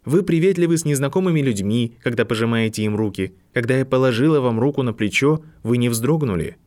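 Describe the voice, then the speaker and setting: A man reading an audiobook, voicing a composed older woman professor who speaks softly and sympathetically. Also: medium pitch, lively intonation, pitched above the performer's own voice, close to an everyday voice. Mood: gentle. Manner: soft, sympathetic, measured. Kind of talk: audiobook narration.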